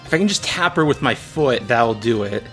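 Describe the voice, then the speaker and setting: A man's voice: mid-range voice, expressive, normal speed, a bit bright, soft background music. A man chatting casually as a player in a tabletop role-playing game.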